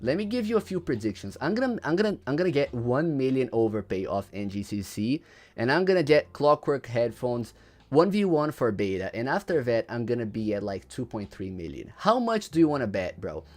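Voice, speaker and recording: Slangy, lively male livestreamer. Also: mid-range voice, fairly quick. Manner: slangy, says "bro" and "you know" constantly, repeats himself; reads viewer chat aloud and answers it. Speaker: livestreamer ranking game items. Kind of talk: casual livestream chat.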